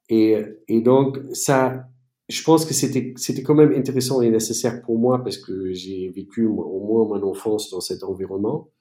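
A man from East Germany, a native German speaker, answering interview questions in a halting way with many fillers and restarts. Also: fairly low pitch, dark tone, reverberant. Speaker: entrepreneur guest.

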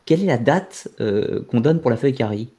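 A man hosts a relaxed conversation with a warm, dark voice. He mostly interjects with short prompts and clarifying questions. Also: medium pitch, fairly quick, breathy edge. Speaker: host. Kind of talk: casual interview chat.

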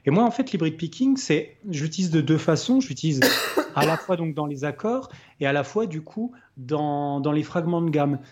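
A podcast host with a fairly high, slightly mellow voice and lively intonation talks at a normal pace, casually explaining his guitar technique between played examples and thinking aloud with many hesitations. The audio is slightly dull and lo-fi, with faint guitar playing in the background.

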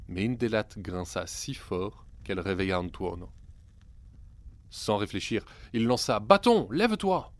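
A male storyteller with a low voice reads a fairy tale aloud. His delivery is scripted and wry, with an ironic turn of phrase.

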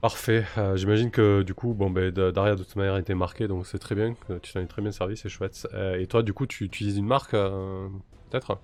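A man's voice: sits low, fairly even intonation, fairly quick, darkish tone. A man acting as game master of a tabletop role-playing game, reading out rules and working through them aloud with fillers. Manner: explains rules step by step, thinking aloud with fillers.

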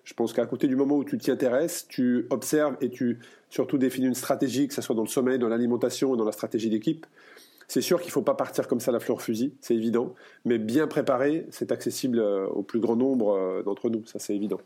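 A man hosting a podcast interview, talking in a relaxed way with many hesitations. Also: mid-range voice, fairly quick, breathy edge. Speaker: podcast host.

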